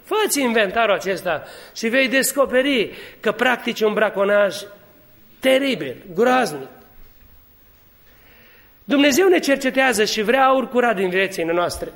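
High-voiced man preaching a lively sermon. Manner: lively, humorous storytelling that rises to fervent exhortation.

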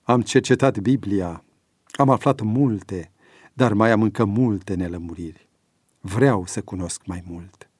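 A man voicing a hushed, reflective aging father. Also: fairly low pitch, breathy edge, no room sound, clean studio sound. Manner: hushed, reflective, sometimes whispered. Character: thoughtful aging father, seeking faith.

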